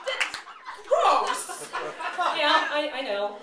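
A woman's voice: high-pitched, big pitch swings, drawn-out words, heavy background noise. A woman giving a comic spoken word performance live on stage, reading in a theatrical, mock-dramatic way. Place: live venue indoors, an art gallery. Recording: echoey room from far off, loud audience laughter. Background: loud audience laughing.

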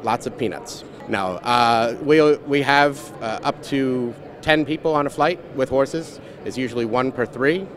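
A man who ships horses overseas, explaining his work in a relaxed, joking way. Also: mid-range voice, a little slow, hardly any pauses. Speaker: horse shipping agent. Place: outdoors at a horse sale. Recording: crowd noise behind.

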